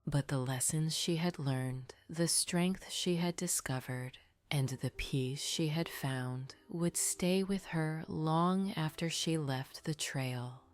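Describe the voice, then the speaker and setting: Sleep story narrator: woman, low soft half-whisper, very unhurried, soothing bedtime delivery over music. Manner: soothing, unhurried, gently guiding listeners to rest. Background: background music.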